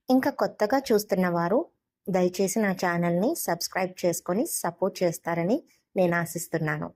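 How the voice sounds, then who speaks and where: A woman's voice: mid-range voice, darkish tone. A woman storyteller narrating an audiobook tale in a conversational way, talking directly to her listeners.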